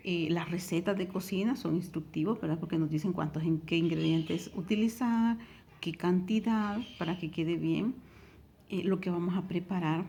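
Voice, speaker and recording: Honduran lady teacher explaining stuff patiently, kinda low mellow voice, keeps checking in w/ listeners. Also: slight background noise. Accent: Honduran Spanish. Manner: explanatory, many tag questions and fillers. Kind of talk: recorded tutoring lesson.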